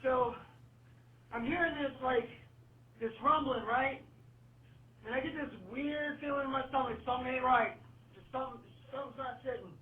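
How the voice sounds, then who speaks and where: A woman's voice: sits high, normal speed, pauses often. A woman caller leaving a shaken, rambling voicemail, played back as an answering machine message. She is full of fillers and keeps saying "man" and "dude.". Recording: muffled, echoey voicemail from far off with faint hiss.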